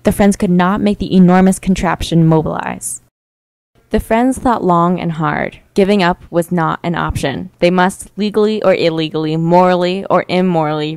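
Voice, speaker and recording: Young woman narrator, low-ish voice, deadpan mock-heroic delivery, dry close sound. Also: clean tone, no room sound, poor audio. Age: young adult. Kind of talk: mock-epic storybook narration.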